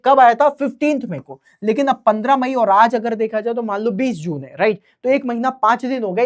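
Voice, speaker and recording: A young man teaching a live online exam-prep class, chatty and keeps checking in with his students. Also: high voice.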